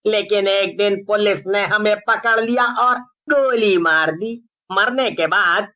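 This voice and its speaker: A man's voice: high voice, slow pace, bright, forceful tone, full character voice. A man voicing a menacing male ghost who steals children, gloating and threatening in a cartoon story. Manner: gloating, threatening, mocking laughter. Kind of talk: cartoon voice acting.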